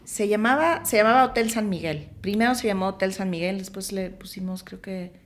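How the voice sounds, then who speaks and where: This podcast guest, a middle-aged woman who produces and directs films, has a Mexican Spanish accent and a mid-range voice with a brisk pace. She's an animated storyteller in a relaxed interview, often restarting and using fillers.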